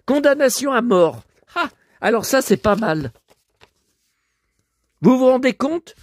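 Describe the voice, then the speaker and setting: A hoarse man talking to his viewers at home, showing off his finds as a collector. He rambles, grumbles, swears often and keeps addressing the audience. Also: very high-pitched, sing-song, slow, no echo. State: hoarse, voice worn out. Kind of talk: rambling vlog talk to viewers.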